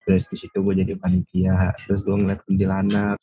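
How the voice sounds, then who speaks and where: Young guy, low flat husky voice, halting storyteller, dry muffled sound. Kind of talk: casual podcast chat.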